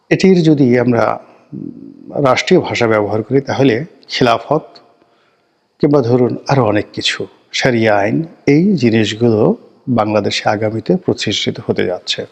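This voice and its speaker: A middle-aged man giving solo political commentary in a measured, emphatic way, stacking phrases into lists and pausing to stretch out key words. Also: medium pitch, creaky. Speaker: political talk show commentator.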